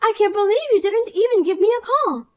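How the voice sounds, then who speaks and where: A woman with a very high-pitched, pushed-up, slightly mellow voice speaks briskly, voicing a vain, spiteful young woman who was once the most popular girl at school. In this animated story dialogue, she talks down to an old classmate, scornful, condescending, insulting and bossy.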